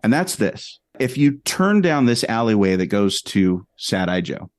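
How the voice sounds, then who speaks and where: A man, a podcast guest, telling a story in an animated, rambling way with many restarts. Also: on the low side, measured pace, no room sound, studio quality. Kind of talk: casual storytelling.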